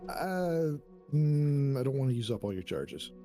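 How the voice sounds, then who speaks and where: Male player, warm dark voice, hesitant delivery. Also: medium pitch, very animated, measured pace, faint music behind. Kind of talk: casual game chat.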